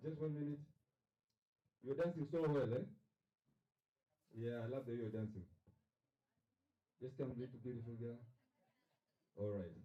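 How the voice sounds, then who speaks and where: Man, Kenyan accent, jovial uncle speech, very dark voice, dull echoey recording. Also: measured pace, long pauses. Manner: jovial, code-switching, rises to excited highs. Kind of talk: playful party speech. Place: party venue. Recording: dull, echoey hall sound.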